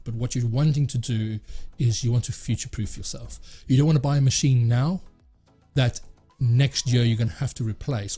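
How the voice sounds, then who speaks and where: A man hosts a casual tech chat, his voice warm and a little raspy. He rambles, stumbles over words and fills pauses with "uh" as he talks, while soft music sits faintly under him. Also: mid-range voice. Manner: rambling, many fillers and restarts. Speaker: tech channel host. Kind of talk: casual talk to camera.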